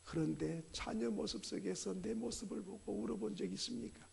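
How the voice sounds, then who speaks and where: A man preaching a sermon as a pastor, animated, acting out family dialogue. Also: high voice, brisk, creaky, breathy edge.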